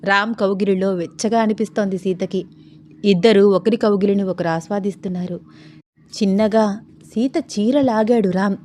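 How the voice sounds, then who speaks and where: A woman's voice: medium pitch, moderate pace, a little mellow, a little hiss or hum. Woman narrating a romantic audio story.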